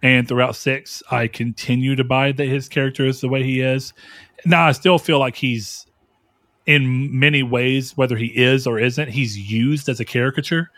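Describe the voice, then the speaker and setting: A man co-hosting a podcast, talking casually and thoughtfully about a film, with drawn-out phrasing. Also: medium pitch, steady tone, a bit bright, no room sound, studio quality. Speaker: podcast co-host.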